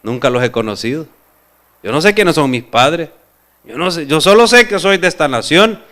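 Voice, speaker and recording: A man's voice: fairly high pitch, expressive, moderate pace, bright, forceful tone. A man voicing a humble older man unsure of his roots, speaking in a hesitant, faltering way. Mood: uncertain.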